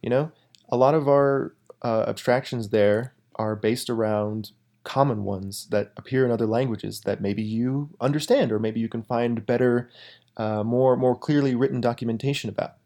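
A male podcast guest explaining technical topics in a measured way. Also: medium pitch, steady tone, mellow. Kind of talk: casual podcast chat.

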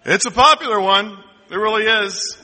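A man's voice: high-pitched, moderate pace, bright, forceful tone. A man, a senior pastor, preaching a sermon in a conversational, humorous way and prompting his congregation. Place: church sanctuary. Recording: long reverb of a church hall.

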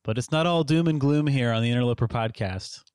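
A man's voice: medium pitch, fairly quick, darkish tone, smooth, dry recording. A man hosting a podcast in casual conversation, joking, chuckling often and reading passages aloud. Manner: chuckling, jokey, reads aloud. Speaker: podcast host. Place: Seattle home.

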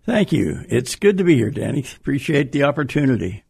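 Gravelly older man, rambling guest. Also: mid-range voice, very animated, fairly quick, a little mellow, no room sound, clean studio sound. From Pennsylvania, USA. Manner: rambling, self-interrupting, chuckles often. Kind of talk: conversational radio interview.

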